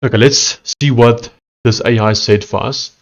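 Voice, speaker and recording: A livestreaming coder from South Africa with an Afrikaans accent chats casually and reads messages and text aloud, haltingly. His mid-range voice holds a steady tone, and the recording sounds muffled.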